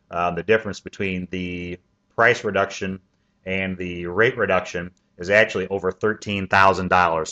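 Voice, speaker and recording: A man with a very low voice pitches a home loan plan, walking through the figures one at a time. He fills his pauses with plenty of "uh" and "um". The recording sounds dull and lo-fi. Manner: steady step-by-step explaining with frequent "uh" and "um" fillers. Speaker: mortgage loan officer. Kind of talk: sales pitch explaining a financing plan.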